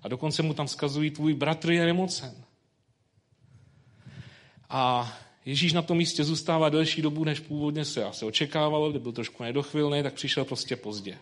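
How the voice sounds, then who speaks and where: A man's voice: on the high side, steady tone. A man preaching who first reads a Bible passage, then talks it over in loose, conversational speech full of fillers. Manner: reads scripture slowly, then preaches informally with colloquial fillers. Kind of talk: sermon with scripture reading.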